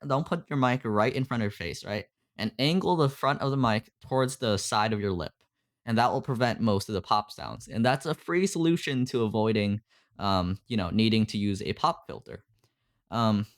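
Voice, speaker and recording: A streaming audio mentor gives a casual screen-share tutorial on a call, explaining things in a loose, filler-heavy way and repeatedly tacking on "right?" His voice is mid-range, picked up by a desktop USB condenser mic.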